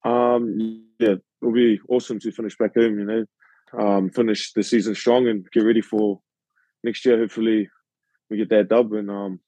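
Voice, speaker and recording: A man's voice: lowish voice, flat delivery, moderate pace, mellow, no room sound, poor audio. A young man in his twenties with a New Zealand accent, a rugby league player guest who answers modestly and hesitantly with many fillers. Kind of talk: casual podcast interview.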